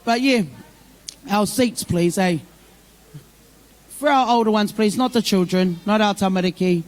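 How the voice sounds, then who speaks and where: A woman's voice: mid-range voice, a little slow, darkish tone. A middle-aged woman with a broad New Zealand accent, speaking informally off the cuff to a community gathering in a plain-spoken, motherly way. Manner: plain-spoken, motherly, addresses listeners with endearments. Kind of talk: informal, off-the-cuff public speech mixing English with Māori phrases.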